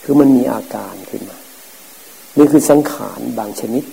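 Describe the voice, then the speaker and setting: A middle-aged man, a Buddhist forest monk, giving a calm, plain-spoken dharma talk. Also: medium pitch, moderate pace, creaky, breathy edge. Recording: hissy, noisy old recording.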